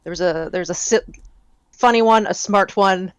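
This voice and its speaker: A woman's voice: mid-range voice, moderate pace, clean tone, dry recording. A young woman co-hosting a podcast, chatting casually and enthusiastically with lots of fillers. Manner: rambling, enthusiastic, many fillers. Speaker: podcast co-host. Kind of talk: casual chat.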